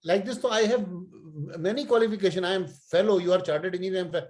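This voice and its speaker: High-pitched North Indian man, insistent questioner. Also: over a noisy crowd. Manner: insistent, interrupting, halting. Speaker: class participant, land and building valuer. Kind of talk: argumentative questioning.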